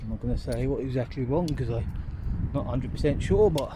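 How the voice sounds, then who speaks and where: A man's voice: mid-range voice, fairly quick. A British man from the UK, out of breath, thinking aloud in a rambling, casual walking vlog recorded outdoors on a phone. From United Kingdom. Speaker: vlogger. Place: outdoors on a street. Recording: street traffic noise.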